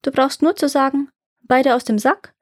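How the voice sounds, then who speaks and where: A woman voicing a poor peasant father in a fairy tale reading, raising her voice to a higher, plaintive tone. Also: steady tone, moderate pace, no echo, studio quality, natural voice. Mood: eager. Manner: pleading and plaintive.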